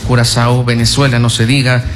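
A man's voice: mid-range voice, flat delivery, a little fast, over music. A man with a Mexican accent, a mariachi musician, answering questions courteously as a guest in a radio studio. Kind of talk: radio interview.

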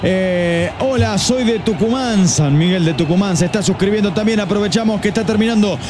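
An Argentine man with an Argentine Spanish accent, giving fast live football play-by-play commentary for an online stream and reading viewer messages aloud. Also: sits high, background noise.

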